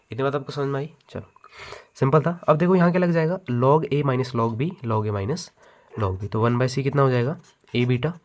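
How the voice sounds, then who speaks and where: Male tutor, mid-pitched voice, working a problem aloud as he writes and checking students follow. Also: a little mellow. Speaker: physics teacher. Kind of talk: step-by-step math lesson over handwritten notes.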